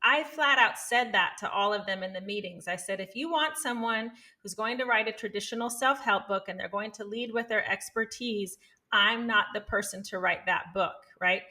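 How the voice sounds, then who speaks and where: A woman psychologist and author appears as a podcast guest in a conversational interview, speaking earnestly and animatedly and frequently checking in with "right?". Her mid-range voice is pushed and bright, at a moderate pace.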